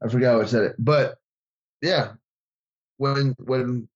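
A man's voice: medium pitch, unhurried. A man co-hosting a faith podcast, telling a story to a friend in loose casual talk. He restarts often and calls his friend bro. His audio is a little dull and lo-fi. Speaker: podcast co-host.

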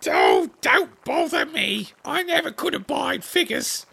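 A man voicing a rude, bad-tempered old noblewoman in a storybook reading, snapping at everyone in a hoarse growl. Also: very high voice, very animated, unhurried, sharp tone, voice pushed up, exaggerated voice. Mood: snappish. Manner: rude, barking, sing-song when singing.

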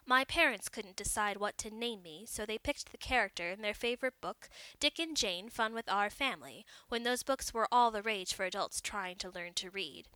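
A woman acts out a smug government advisor who lectures in slow, pointed phrases. The voice is bright and forceful, recorded dry and close, with a storybook reading feel. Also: medium pitch, expressive, no room sound, low-quality recording. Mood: brisk.

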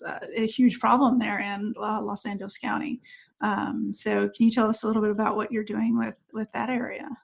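A woman's voice: fairly high pitch, gravelly. A woman co-hosting a podcast, asking questions in an encouraging, chatty way. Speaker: podcast co-host. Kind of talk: casual podcast interview.

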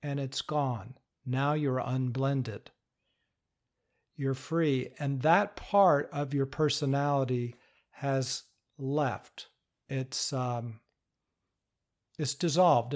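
A man giving a patient, step-by-step instructional talk, explaining calmly. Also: mid-range voice, takes it slowly. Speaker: teacher of inner-parts work.

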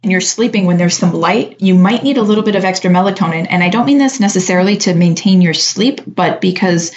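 A woman co-hosting a show, giving relaxed, chatty advice with lots of filler words. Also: lowish voice, quick pace. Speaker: podcast co-host answering listener questions. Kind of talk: casual advice chat. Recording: dull lo-fi sound.

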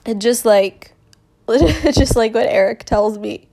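A young woman speaking in an emotional personal monologue, halting with many fillers and laughing through tears. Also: a little high, gravelly, warm tone.

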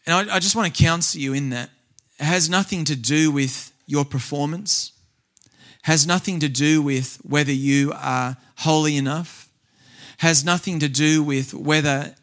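A man preaching a sermon, telling a healing story with rising intensity, then dropping low and soft to counsel his listeners, with frequent fillers and restarts.

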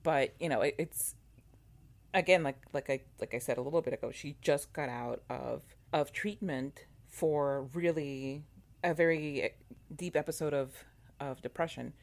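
A woman in casual podcast chat, animated and full of fillers and restarts. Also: low-pitched, unhurried. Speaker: podcast co-host. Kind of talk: casual chat about a TV show.

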